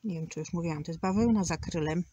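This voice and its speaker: A woman's voice: lowish voice, fast, mellow, dull audio, slight background noise. A woman teaching a crochet tutorial, patiently counting stitches aloud and sometimes dropping to a near whisper. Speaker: crochet instructor.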